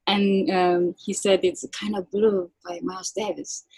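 A woman with a Japanese accent talks through her story as an interview guest, pausing often on fillers. Her voice sits at a middle pitch for a woman. The recording is dry, with no room sound. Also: steady tone, creaky, breathy edge, no room sound, rough recording. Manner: soft-spoken, halting with many fillers. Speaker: guest violinist. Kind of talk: casual interview chat.

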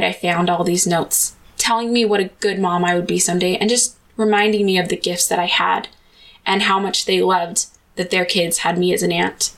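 A woman speaks in a slightly low voice with a strong creaky edge. She delivers a personal monologue as a podcast host, earnest and confessional as she tells her story. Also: a bit bright, poor audio.

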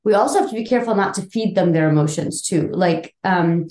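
A woman's voice: on the low side, a little fast, a little mellow. A woman co-hosting a parenting podcast, talking earnestly and explaining her points with apologetic asides. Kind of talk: casual conversational podcast chat. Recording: roomy, echoey podcast audio.

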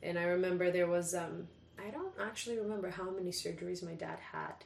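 A woman's voice: lowish voice, sing-song, fast, creaky. A young woman, talking candidly and casually as a podcast guest. She swears freely and laughs as she speaks. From Sweden. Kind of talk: casual conversation. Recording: echoey room.

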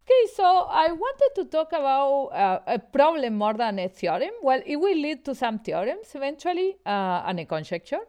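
A woman from Argentina, a math professor, explaining a problem as a podcast guest, halting with fillers. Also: sits high, very animated, mellow. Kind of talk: podcast interview.

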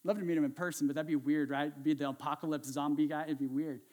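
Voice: medium pitch, fairly even intonation, fast talker, a little mellow. Chatty, self-mocking pastor preaching. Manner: chatty, self-mocking sarcastic asides, asks the congregation for answers. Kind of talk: casual conversational sermon.

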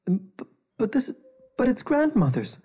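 Scared, defiant schoolboy, stammers under pressure, voiced by a male narrator in a raised pitch. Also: huge pitch swings, unhurried, warm tone, husky, exaggerated voice. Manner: stammering, pleading.

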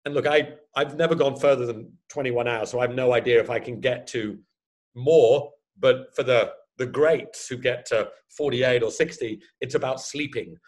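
A man in his fifties, an ultra runner chatting casually about his races, self-deprecating and quick to laugh. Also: medium pitch, fairly even intonation. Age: 50s. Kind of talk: casual chat.

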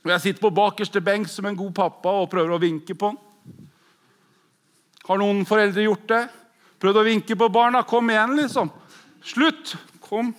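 A man in his forties delivering a pentecostal sermon at a conference, with a fairly high voice. He preaches fervently, jumping from loud, eager exclamations to soft, hushed prayer. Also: fairly even intonation, pauses often. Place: large conference hall.

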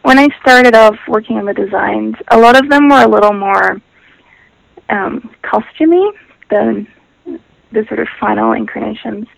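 Creaky woman over an internet phone call. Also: fairly high pitch, normal speed, no echo. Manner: hesitant, many ums and restarts. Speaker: guest knitwear designer. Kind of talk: casual interview.

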